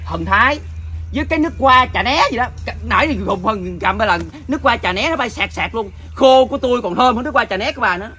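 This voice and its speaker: A man runs a dried-fish shop and banters loudly through a comic sales skit, exclaiming and teasing as he goes. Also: very high-pitched, animated, quick pace, slight background noise. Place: outdoors in the sun.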